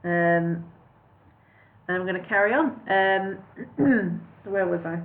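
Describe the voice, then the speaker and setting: A woman's voice: medium pitch, slow, narrow, tinny audio. A woman chatting apologetically and reading a story aloud on a live stream, with frequent hesitant fillers.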